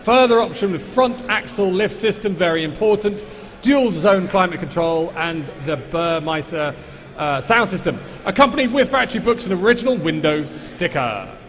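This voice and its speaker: A man's voice: high-pitched, animated, moderate pace, a bit bright. A man announcing an auction lot, reading out a formal scripted description. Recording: echoey hall, background noise.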